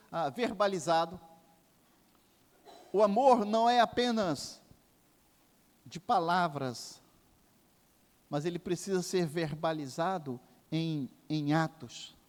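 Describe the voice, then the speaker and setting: A man's voice: sits high, slow pace, long pauses. An older man with a Brazilian Portuguese accent, preaching a sermon as pastor, with impassioned rises and drops. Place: church sanctuary. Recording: long church hall reverb.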